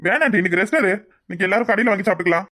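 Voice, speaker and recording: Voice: mid-range voice, very fast, fairly bright tone, natural voice. A voice actor playing a coaxing young village husband in a cartoon, with a Kanyakumari Tamil accent. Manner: coaxing, pleading.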